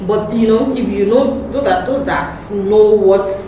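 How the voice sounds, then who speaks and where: A Nigerian woman speaks from a little way off the mic in a very echoey room with faint noise. Her pitch is ordinary for a woman. She tells casual, testimony-style stories, leaning on repeated words and voicing the people in them. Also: a little slow, recorded from a distance. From Ibadan, Nigeria. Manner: expressive, acts out dialogue, emphatic repetition. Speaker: vlogger. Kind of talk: casual personal storytelling with religious testimony.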